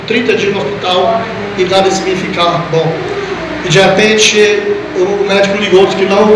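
An older man, a pastor, giving an impassioned sermon testimony and crying out in prayer. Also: high voice. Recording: echoey, distant church mic with noise.

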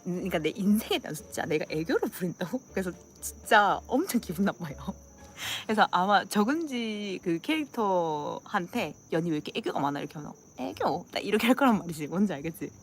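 A woman's voice: medium pitch, lively intonation, brisk, slight background noise. A young woman with a Gyeongsang accent chatting casually with her viewers. She acts out dialect phrases and laughs often. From Gyeongsang region, South Korea. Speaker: channel host.

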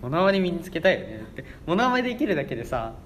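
A young man of about 18 hosts a casual radio chat, rambling and stumbling and often repeating himself. His slightly high voice swings widely in pitch and comes out rapid-fire, with crowd noise around him.

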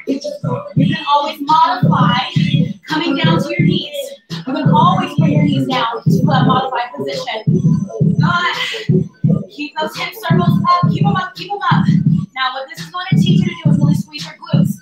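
High pitched woman hyping up a home workout, far from the mic in an echoey room with music going. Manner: energetic motivating callouts and countdowns; sassy and playful. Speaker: fitness instructor. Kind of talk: live workout coaching.

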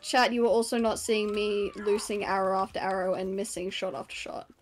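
A woman's voice: mid-range voice, fairly even intonation, brisk, slight background noise. A woman doing casual live gameplay commentary as an easily startled horror game streamer.

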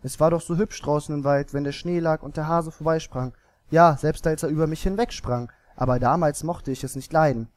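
A man's voice: on the high side, fairly even intonation, a little fast, a little mellow, no room sound, lightly acted. Man voicing a hopeful lonely fir tree. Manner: wondering, earnest inner questions.

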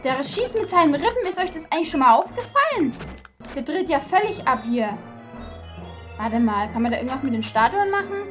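A woman commentating a video game playthrough, excitable and quick to curse and shriek when frustrated. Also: high-pitched, music in the background. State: out of breath. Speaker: let's play gamer.

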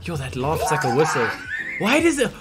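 A man's voice: fairly high pitch, huge pitch swings, normal speed. A man co-hosting a reaction video in casual, joking banter. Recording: loud music underneath.

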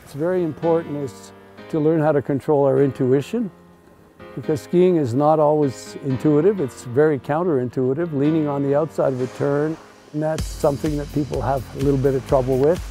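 A man's voice: on the high side, fairly even intonation, fairly quick, mellow, faint music behind. A middle-aged man, a ski instructor, explaining things in a casual conversational way outdoors at a resort.

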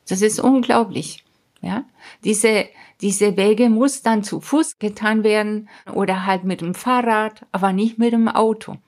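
A woman's voice: medium pitch, darkish tone. A woman scientist, a podcast guest, explains her school project earnestly, with small grammar slips and emphatic asides. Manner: non-native grammar slips in German. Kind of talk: explaining in an interview.

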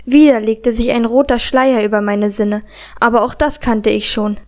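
A woman's voice: fairly high pitch, fairly even intonation, moderate pace, a little mellow. A woman narrating a fantasy audiobook in the first person with a tense, dramatic reading. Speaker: audiobook reader.

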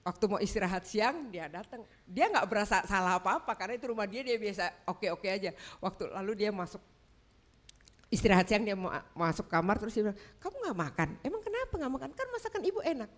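An older woman giving a church talk, telling a personal story in an animated way and acting out what family members said. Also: mid-range voice, a little fast. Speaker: guest speaker.

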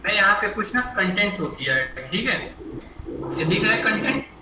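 A man's voice: high-pitched, lively intonation, normal speed, background noise. Echoey male computer teacher. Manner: explains step by step, asks students questions, repeats "ठीक है". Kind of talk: online class teaching. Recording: echoey room mic from a distance.

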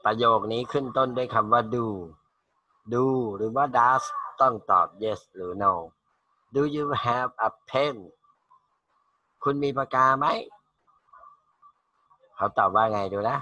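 Slow, bright-voiced Thai teacher of English. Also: male voice, medium pitch, dry recording, highs cut off. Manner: reads English phrases slowly, then translates and repeats them in Thai. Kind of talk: online English lesson for school students.

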